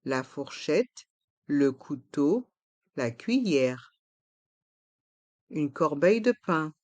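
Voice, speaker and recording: Pronunciation teacher drilling words super slowly, every sound spelled out, dry close mic. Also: medium pitch, very animated, no room sound. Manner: carefully articulated, drills each word several times. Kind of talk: pronunciation lesson with slow repetitions.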